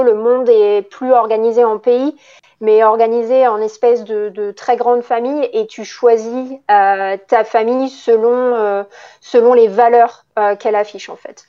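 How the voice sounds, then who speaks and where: A woman's voice: fairly high pitch, steady tone, normal speed, clean tone, muffled recording. A woman co-hosting a casual book podcast, explaining at length with many hesitations. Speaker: podcast co-host. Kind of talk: casual chat about books.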